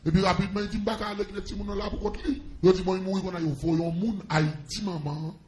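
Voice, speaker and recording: A man's voice: sits high, steady tone, fast talker, a little mellow, echoey room, slight background noise. A man with a Haitian accent preaching a testimony to a congregation, calling out to them with fervor. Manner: impassioned preaching with call-outs to the congregation.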